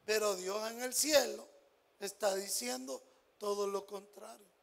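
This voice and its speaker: A man preaching a sermon as pastor, stressing key phrases and asking the congregation rhetorical questions, dropping to soft asides between louder lines. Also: sits high, steady tone, unhurried, gravelly.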